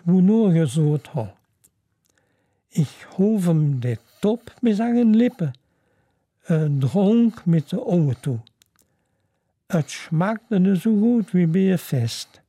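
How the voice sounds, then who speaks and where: Slow, dark-toned storybook narrator. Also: mid-range voice, no echo, clean studio sound.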